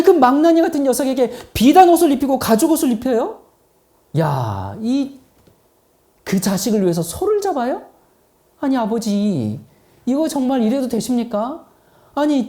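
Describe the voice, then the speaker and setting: A man preaching who acts out an indignant grown older son, shouting his protests at his father. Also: very high voice.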